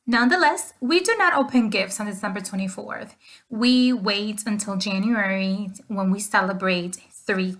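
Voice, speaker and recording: A woman's voice: mid-range voice, fairly bright tone. A woman from the Dominican Republic giving a prepared class presentation, reading from a script with short fillers. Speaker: student presenter.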